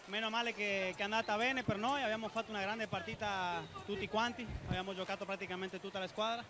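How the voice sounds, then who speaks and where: A man's voice: sits high, steady tone, fast talker. A man speaking as an athlete in a post-match interview, on a handheld microphone in a noisy sports hall. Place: large indoor sports hall.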